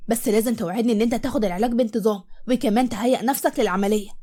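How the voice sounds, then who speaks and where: A woman's voice: fairly high pitch, racing, dark tone, lightly acted. A woman with an Egyptian accent voicing an eager, outspoken young nurse who gushes over her patient. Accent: Egyptian Arabic. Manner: eager, gushing. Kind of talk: storybook voice acting.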